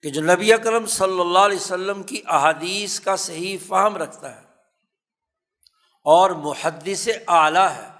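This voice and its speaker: Man, Pakistani Urdu accent, religious lecture, measured storytelling, somewhat high voice, long hall reverb. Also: pushed and bright. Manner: slow, measured storytelling with emphatic repetition. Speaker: religious scholar teaching hadith.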